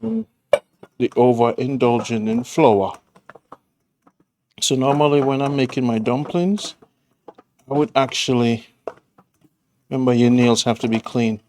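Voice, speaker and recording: Here a cooking show host from Jamaica talks at medium pitch, a little slowly and with long pauses, against a noisy background. He runs a relaxed demo from his own kitchen, rambling and tossing in homely remarks as he cooks.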